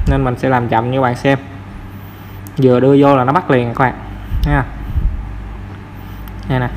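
A man's voice: mid-range voice, background noise. A man giving a casual step-by-step phone tutorial, chatty and full of fillers, speaking straight to his viewers. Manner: chatty, repeats filler words, addresses viewers often. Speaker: tutorial host. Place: in front of an ATM for part.

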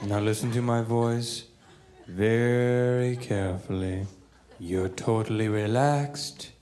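A man playing a mysterious, commanding stage hypnotist, intoning in a slow, dreamy hypnotic manner into a handheld microphone. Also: lowish voice, fairly even intonation, a little mellow. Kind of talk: hidden-camera prank stage act. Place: comedy club stage.

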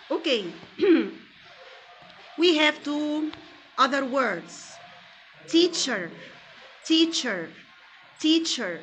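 A young Egyptian woman teaches English to small children in a slightly high voice. She draws each word out very slowly and repeats it for the class to echo. Faint background noise sits under the recording. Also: a bit bright. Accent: Egyptian Arabic. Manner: slow, deliberate English drills with repeated words, quick Arabic explanations. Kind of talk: classroom lesson with call-and-repeat drills.

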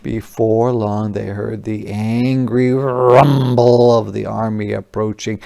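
A male teacher doing an expressive read-aloud for young children, pausing to ask questions. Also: fairly low pitch, vocal fry, a little hiss or hum.

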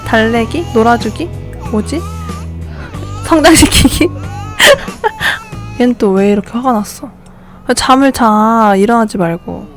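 A woman with a fairly high voice talks through her game in casual commentary. She fusses, exclaims and coaxes as she plays, and faint game music sits under her voice. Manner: fussing, exclaiming, coaxing sleepy babies. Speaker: gameplay streamer.

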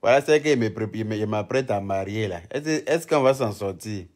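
A man's voice: fairly low pitch, animated, normal speed, a little mellow. Teasing man on a live stream. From Ivory Coast. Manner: mocking, teasing and chatty, often breaking into laughter. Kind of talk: casual live-stream commentary.

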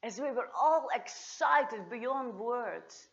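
A woman performing a dramatic first-person monologue as Mary Magdalene, moving between hushed and exultant, recorded in a church. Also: fairly high pitch, animated, slow, lo-fi sound. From Australia. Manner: theatrical, swings from hushed to exultant. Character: Mary Magdalene, grieving then joyful woman.

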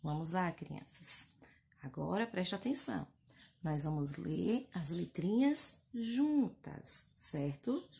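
A young woman teacher with a northeastern Brazilian accent sounds out syllables for first graders at a very slow, deliberate pace. Her pitch swoops up and down in a sing-song way as she praises the children. The voice is mellow and soft-edged. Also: expressive, gravelly. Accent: Brazilian Portuguese, northeastern. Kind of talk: recorded phonics lesson for young children.

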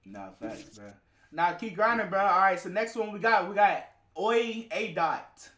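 An echoey room surrounds this young man as he hosts a casual reaction stream. He talks in animated, slangy, profane bursts, his high voice jumping around. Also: measured pace. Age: young adult. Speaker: host of music reaction stream. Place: bedroom, indoors.

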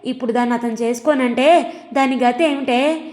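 Brief: woman doing a harsh, berating middle-aged husband, fairly high voice, reverberant room. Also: moderate pace, darkish tone, lightly acted. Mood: scolding. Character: angry scolding middle-aged husband and father.

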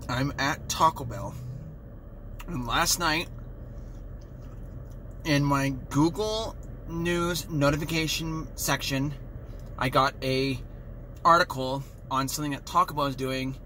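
A man's voice: on the high side, sharp tone, a little hiss or hum. A man vlogging an angry, heated rant, talking in an exasperated way.

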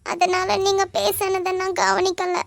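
A woman's voice: very high voice, flat delivery, vocal fry, no room sound, exaggerated voice. A woman voicing a shy, poor teenage schoolgirl who is hard of hearing, speaking hesitantly in a Kanyakumari Tamil accent in a cartoon. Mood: timid pleading. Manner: hesitant, pleading, quick to tears. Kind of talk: animated cartoon dialogue.

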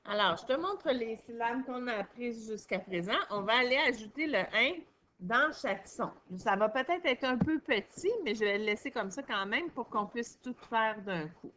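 A woman with a Québécois accent teaching a reading lesson to children, sounding out words slowly and praising answers. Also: fairly high pitch, expressive, pushed and bright. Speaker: primary school teacher.

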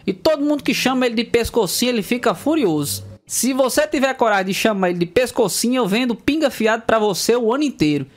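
A male comedian from Northeast Brazil telling a run of jokes about country folk, jumping into character voices for the punchlines. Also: quick pace. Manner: lively storyteller, jumps into squeaky character voices. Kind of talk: joke telling.

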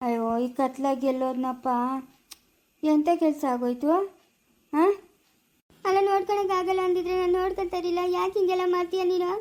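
A woman's voice: extremely high pitch, fairly even intonation, fairly quick, long pauses, darkish tone. A woman playing an older village woman who frets tearfully and then soothes, speaking in a village family drama. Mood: fretful. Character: older village woman, elder sister, calming yet fretful.

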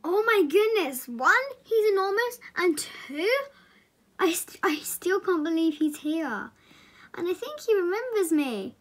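A woman voicing an excitable, chatty young rider in a toy horse movie. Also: very high voice, a little slow. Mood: eager. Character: eager young horse-owning rider girl.

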